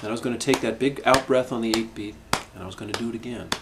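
A middle-aged man teaching a harmonica lesson, explaining in a calm, reflective way with frequent restarts. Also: mid-range voice, racing, noisy background. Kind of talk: instructional video lesson.

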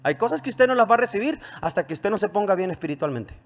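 A man's voice: sits high, expressive, fast talker. A male pastor preaching a sermon, throwing rising questions to the congregation and calling for amens. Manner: preaching with call-and-response, rising emphatic questions.

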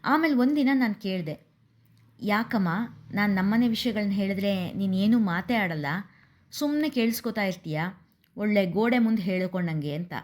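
A woman voicing a sensible middle-aged younger sister who teases and reasons calmly. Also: medium pitch, moderate pace, natural voice. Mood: reasoning. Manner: teasing, reasoning.

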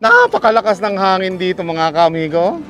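A man vlogging outdoors at his pigeon loft, chatting excitedly and calling his birds down in the wind. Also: sits high, moderate pace, dull audio. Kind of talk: casual vlog commentary.

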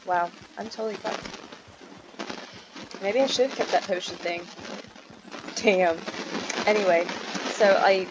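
A woman's voice: mid-range voice, unhurried, long pauses, lo-fi sound, noisy background. A young woman casually commenting on her gameplay, chatty and easily startled, swearing often. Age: young adult. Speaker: gaming channel host.

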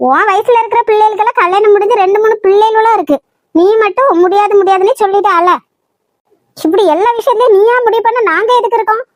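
A woman doing a shrill nagging cartoon mother. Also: fast, no room sound, studio quality. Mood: scolding. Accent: Kanyakumari Tamil. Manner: loud, scolding, insistent. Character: strict nagging middle-aged mother.

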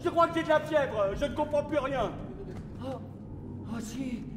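A shrill panicky rich miser. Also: male voice, normal speed, noisy background. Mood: frantic. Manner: shrill, frantic pleading. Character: panicky miserly rich man, middle-aged. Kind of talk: live stage comedy acting. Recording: roomy theater stage with music.

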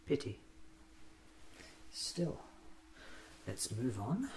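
A man in his thirties playing a whimsical, eccentric time-traveling doctor musing aloud in soft-spoken, deliberate ASMR roleplay. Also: medium pitch, wildly swooping pitch, vocal fry, slight background noise, full character voice, poor audio. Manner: deliberate, musing, often near whisper.

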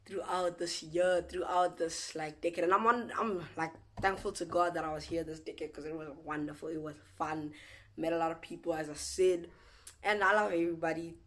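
A young man talking casually to camera as a vlogger, rambling and reflective, often repeating himself and restarting phrases. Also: fairly high pitch. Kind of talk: casual vlog talk to camera.

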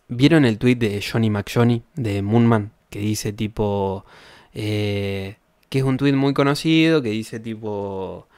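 A man's voice: lowish voice, a little mellow, clean tone, no room sound, clean studio sound. A young man from Argentina with a Rioplatense accent, reacting to tweets as a streamer in rambling, sarcastic casual chat, swearing often and laughing at his own jokes. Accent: Rioplatense Spanish.

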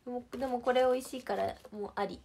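A woman's voice: a little high, fairly even intonation, fast talker, warm tone. A young woman from Shizuoka, Japan, hosting a casual livestream and chatting with viewers in a bubbly, playful, giggly way. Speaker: idol livestream host. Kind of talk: casual livestream chat reading comments.

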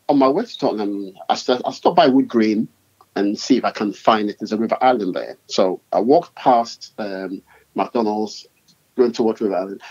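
A man's voice: mid-range voice, a little mellow, breathy edge. Middle-aged London man, guest, meandering storyteller, slightly muffled call audio. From UK and Ghana. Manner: rambling, self-correcting storyteller. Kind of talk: casual interview chat.

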